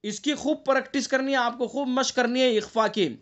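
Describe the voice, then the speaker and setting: A man with a strikingly high voice leads an online class on Quran recitation. He explains each rule patiently, stops often to ask whether the students follow, and sounds out the nasal tones himself to show the difference. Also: fairly even intonation, fairly bright tone, lo-fi sound.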